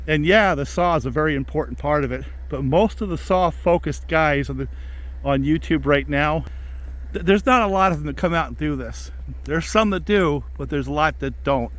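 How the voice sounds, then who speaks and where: Folksy man, slightly high-pitched voice. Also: moderate pace, fairly bright tone. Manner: folksy, plain-spoken. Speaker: logger presenting a video about his work. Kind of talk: casual vlog talk. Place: outdoors in winter woods.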